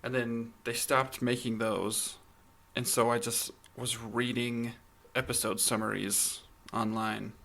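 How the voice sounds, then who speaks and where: A man's voice: medium pitch, level tone, takes it slowly, gravelly, pushed and bright. A man co-hosting a podcast in casual chat, with a wry, bantering manner. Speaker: podcast co-host.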